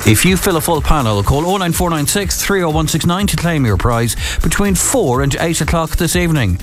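Irish male bingo caller, lively pitch. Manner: measured, repeating each number digit by digit. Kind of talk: bingo caller announcing numbers.

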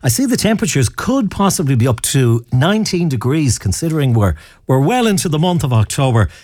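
A man's voice: a little high, big pitch swings, fairly quick, a little mellow, no room sound. An Irish man presenting a radio weather forecast in a chatty, conversational way.

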